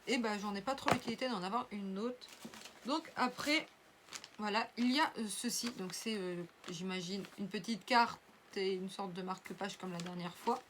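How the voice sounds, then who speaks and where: A woman's voice: medium pitch, moderate pace, background noise. A young woman chatting casually through an unboxing video, rambling with lots of fillers and restarts. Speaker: unboxing vlogger.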